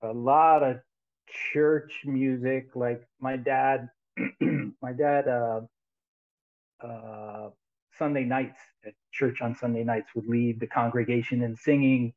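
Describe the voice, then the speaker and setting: A male guest musician from the US, in his sixties, is interviewed casually over a video call using headphones, and the line sounds thin and phone-like. His mid-range voice stays steady and slow as he rambles chattily, laughing often and restarting a lot.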